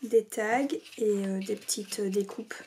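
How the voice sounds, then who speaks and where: A woman's voice: medium pitch, steady tone, takes it slowly, mellow. Woman, casual craft vlog, hesitant with fillers, drifts into near-whispers, faint hiss and clicks behind. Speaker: scrapbooking vlogger. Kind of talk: casual craft show-and-tell. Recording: faint background noise and clicks.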